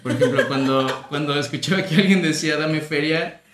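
A man's voice: on the high side, fairly quick, fairly bright tone, echoey room. A young Mexican man telling stories in a casual chat, full of slang and laughter.

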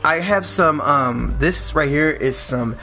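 A man spinning a casual, swear-heavy story, jumping in and out of the voices of the people in it. His tone is bright and forceful, and he gets loud when he is worked up. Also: a little high, slow, soft background music. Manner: profane, animated, acts out quotes. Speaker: podcast co-host telling a story.

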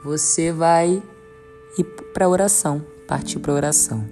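A woman, teaching a meditation practice in a calm, earnest way and slowly repeating mantras. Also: low-pitched. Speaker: spiritual guide. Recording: soft instrumental music behind.

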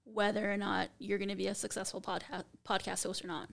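A woman guest chatting casually on a podcast, with constant vocal fry and an animated, laughing manner. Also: medium pitch, brisk.

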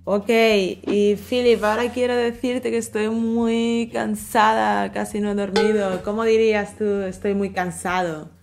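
A woman's voice: medium pitch, little pitch movement, measured pace, vocal fry, few pauses, darkish tone, faint music behind. A woman co-hosting a vocabulary lesson, leading with conversational prompting questions. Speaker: co-host.

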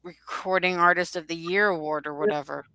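A woman hosting a podcast talks in a casual, rambling way. Her voice sits a little low yet sounds bright and smooth. It is recorded close and dry, with no room sound. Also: fairly even intonation, fairly quick, dry recording, rough recording. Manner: chatty, rambling, loosely shaped sentences. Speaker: podcast host. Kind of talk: casual chat.

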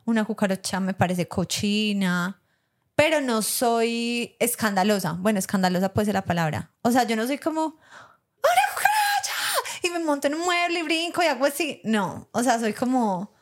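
Animated Colombian woman telling stories. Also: on the high side, moderate pace. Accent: Colombian Spanish. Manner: animated, laughs often, acts out her own past lines. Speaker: podcast co-host. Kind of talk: casual storytelling chat.

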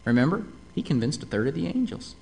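Male preacher, sermon delivery, slightly high voice that swings widely in pitch, keeps putting rhetorical questions to the congregation. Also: fast, vocal fry. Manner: animated, rhetorical questions to listeners.

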